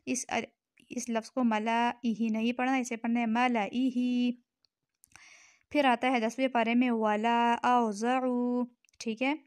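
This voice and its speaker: A woman's voice: on the high side, dry recording. Patient woman teaching Quran recitation. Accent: Pakistani Urdu. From Pakistan. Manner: patient, repeats each word slowly and checks in with "theek hai". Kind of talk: tajweed lesson explanation.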